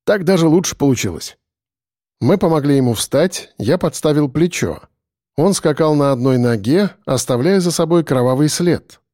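A man narrating an audiobook in a lively, expressive storytelling manner. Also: on the high side, normal speed, dry recording, studio quality.

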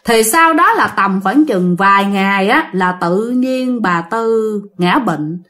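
A woman's voice: mid-range voice, animated, slow, fairly bright tone. A woman telling a ghost story in a chatty way, addressing her listeners directly.

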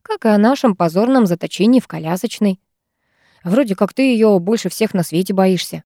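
A woman narrating a first-person novel as an audiobook, with a lively, expressive reading. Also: mid-range voice, a little fast, no room sound, studio quality.

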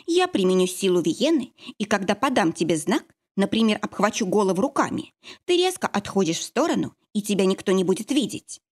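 A woman's voice: mid-range voice, sing-song, brisk, darkish tone. A woman reading an audiobook, voicing a fierce young heroine who snaps and growls orders. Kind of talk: audiobook character voice.

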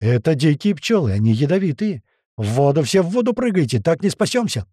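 A man voicing a field medic in an audiobook, yelling urgent orders. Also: on the high side, brisk, no echo, clean studio sound, close to an everyday voice. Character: male field medic shouting warnings.

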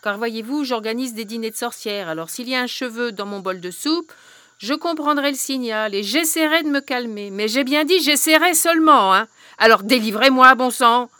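A woman doing a cruel old witch with wild hair, snarling and commanding, bright biting tone, loud shouted orders, storybook voice, dry close sound. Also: on the high side, moderate pace, no echo, close to an everyday voice. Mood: furious. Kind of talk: storybook reading.

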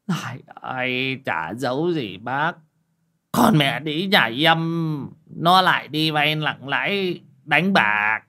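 A man's voice: lowish voice, very animated, measured pace, pauses often, fairly bright tone, slightly rough, exaggerated voice. A male narrator voicing a desperate bald old man who begs for a loan, stammering and close to tears. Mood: tearful pleading. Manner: stammering, whining plea. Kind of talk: audiobook character voice.

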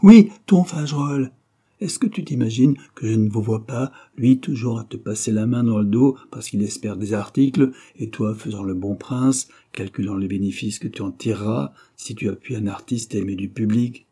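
A man reading an audiobook, voicing a brash, fiery young courtesan with sharp, taunting outbursts. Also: fairly low pitch, fairly even intonation, normal speed, hardly any pauses, breathy edge.

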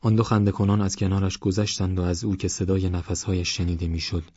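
Low, husky male audiobook narrator. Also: flat delivery, warm tone, no room sound, lo-fi sound. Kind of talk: novel reading.

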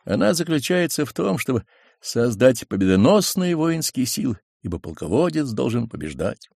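Male audiobook narrator, lowish voice, lively varied delivery, dry close studio sound. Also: gravelly, no echo. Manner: measured, expressive reading.

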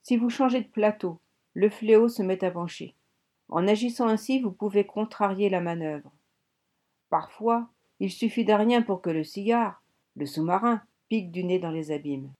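A woman's voice: mid-range voice, moderate pace, mellow, natural voice. A woman voicing an earnest, embarrassed German submarine bosun who explains things patiently, in an audiobook. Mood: explaining.

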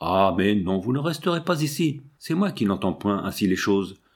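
A man reading a storybook and voicing a cocky teenage boy with a raspy voice, breezy and mock-ceremonious. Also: fairly low pitch, big pitch swings, normal speed. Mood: cheeky.

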